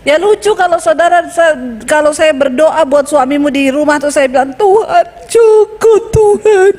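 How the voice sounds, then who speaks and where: A woman's voice: high-pitched, fairly even intonation, normal speed, darkish tone, long reverb tail. A woman pastor preaching a sermon, telling stories with animation and acting out both sides of the conversations.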